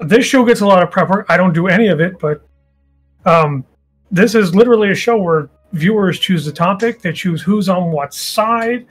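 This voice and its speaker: A man's voice: high-pitched, moderate pace, soft background music. A man co-hosting and moderating a casual debate show, joking and self-deprecating. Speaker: co-host and moderator. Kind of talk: casual podcast chat.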